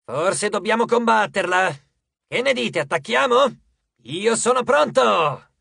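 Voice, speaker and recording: A narrator voicing an eager, fight-hungry male satyr coach who talks loudly and slowly in an audiobook. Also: medium pitch, lively intonation, creaky, breathy edge, no echo, studio quality, pitched above the performer's own voice, full character voice. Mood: bellicoso.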